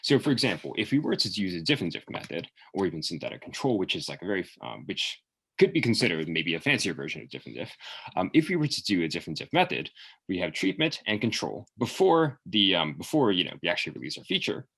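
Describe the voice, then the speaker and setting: A man answering interview questions as a candidate, explaining in a hesitant way as he thinks aloud, with a husky voice. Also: low voice, sing-song, fast talker, a bit bright. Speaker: candidate in a mock job interview.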